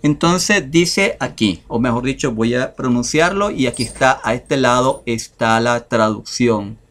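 A man teaching English vocabulary over a screen share, talking in a slow, hesitant way with many fillers. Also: medium pitch, lively intonation, fairly bright tone.

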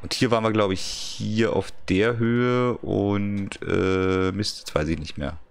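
A fairly low-pitched man talking casually through a building game. He mutters to himself, counts steps under his breath and chats to the little characters on screen like friends. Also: steady tone, slow pace, creaky, smooth. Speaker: let's play gamer. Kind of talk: casual gameplay commentary.

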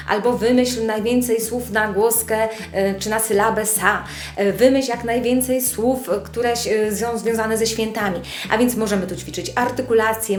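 Speech therapist woman explaining games, echoey room. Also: medium pitch. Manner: friendly, explanatory, addresses parents directly. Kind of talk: instructional video presentation. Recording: echoey room with soft music.

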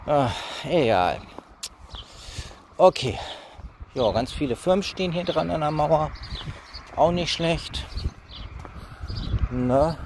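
A man's voice: fairly high pitch, darkish tone. A man in his thirties talking casually and in a rambling way while walking along a roadside, as in a phone vlog. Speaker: vlogger. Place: outdoors on a village roadside. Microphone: phone held at arm's length. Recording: noisy outdoor roadside phone recording.

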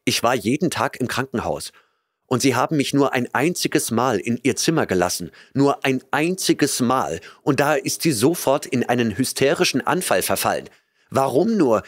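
Lovesick young man voiced by a male narrator, agitated and pleading, lively pitch. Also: normal speed, dry recording, studio quality, close to an everyday voice. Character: desperate young man in love.

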